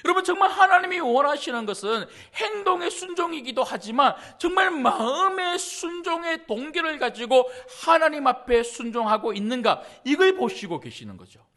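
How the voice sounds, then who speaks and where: A man's voice: very high voice, expressive, normal speed, hardly any pauses, pushed and bright. A man pastor preaching a sermon emphatically, stacking repeated phrases and rising to outbursts. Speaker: senior pastor.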